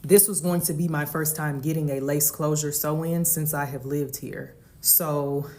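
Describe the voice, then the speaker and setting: A woman's voice: low voice, fairly even intonation, moderate pace, a little mellow. An American woman telling a casual social media storytime in an explanatory, matter-of-fact way. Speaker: salon client.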